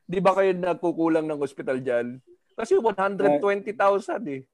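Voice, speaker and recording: A man's voice: high-pitched, animated, normal speed, dry recording. A man co-hosting a podcast, asking the guests direct questions. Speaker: podcast co-host. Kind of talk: casual chat.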